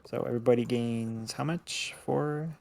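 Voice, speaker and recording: A man acting as dungeon master, narrating a tabletop game casually, with many halting restarts. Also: medium pitch, steady tone, vocal fry, a little mellow. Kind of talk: running a tabletop game session. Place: home setup, streaming online.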